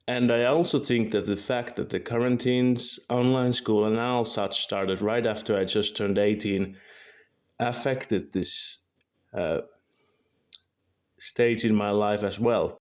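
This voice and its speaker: Speaking slowly in a fairly low, steady voice, a young Finnish man in his early twenties reads from a script with care. He's a video creator whose first language is Finnish, and his accent shows as he corrects minor slips.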